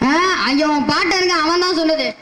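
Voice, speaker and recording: Actor doing a comic broke poet, high pitched, moaning and wailing, echoey stage. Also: fairly quick, very noisy, lightly acted. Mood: bickering. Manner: comic lamenting, wailing, sarcastic. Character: poor male poet, comic, self-pitying, wailing. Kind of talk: Tamil stage-play comedy acting.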